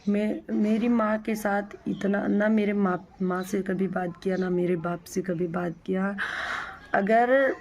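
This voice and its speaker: A woman's voice: mid-range voice, a little mellow. Woman telling a family grievance casually. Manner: plain, repetitive retelling with many restarts. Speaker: vlogger. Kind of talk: casual storytelling to viewers.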